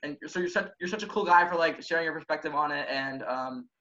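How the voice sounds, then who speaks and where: A man's voice: fairly high pitch, fast talker, pushed and bright. A young man hosting a podcast, talking in an eager, casual way with lots of fillers. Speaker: podcast host. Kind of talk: casual interview talk. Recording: roomy, dull lo-fi sound.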